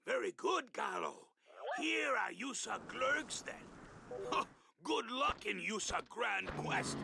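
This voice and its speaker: A man voicing a sly, croaky alien swamp trader for a video game, squawking in drawn-out pidgin. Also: very high-pitched, huge pitch swings, noisy background, exaggerated voice. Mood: gleeful, mocking. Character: eccentric gurgling alien swamp-dwelling male trader, sly. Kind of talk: cartoonish video game character acting.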